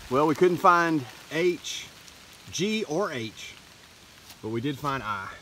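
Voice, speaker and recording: A middle-aged man films himself on a leafy forest trail, holding the camera close to his face as he walks and explains things plainly and matter-of-factly. His voice is fairly high with lively intonation and a sharp tone, he speaks slowly, and slight background noise comes through in this casual trail vlog.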